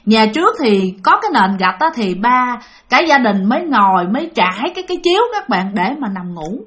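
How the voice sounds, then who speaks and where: A woman's voice: a little high, big pitch swings, a little fast, fairly bright tone. A woman with a Southern Vietnamese accent narrating a ghost story in a chatty way, speaking straight to her listeners. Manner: chatty, addresses listeners directly.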